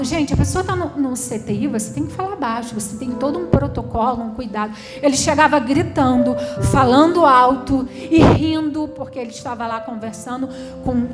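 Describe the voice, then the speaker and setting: A woman pastor with a Brazilian Portuguese accent giving a personal testimony, speaking with fervent drama and repeating phrases for emphasis. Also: high voice. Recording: music playing underneath.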